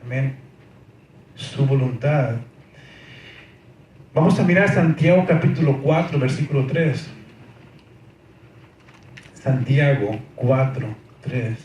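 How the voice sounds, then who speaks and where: Speaking slowly with long pauses, a man with a medium-pitched, darkish voice preaches emphatically in a church hall. He asks his congregation rhetorical questions and often says "amén." The sound is very echoey, from a distant mic, with faint noise.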